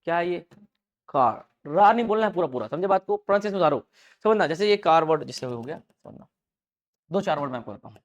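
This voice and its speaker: Fast and expressive, with a fairly high pitch and the highs cut off, a man with an Indian accent lectures an English class. He drills pronunciation by questioning students over and over, slipping Hindi in among the English words.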